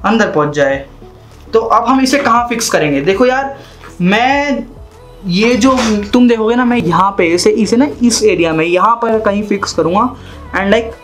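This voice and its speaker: A man's voice: high-pitched, lively intonation, normal speed, a bit bright, soft background music. A young man in a casual how-to vlog, chatting and repeating himself as he works with his hands at a desk in a small room. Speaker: vlogger.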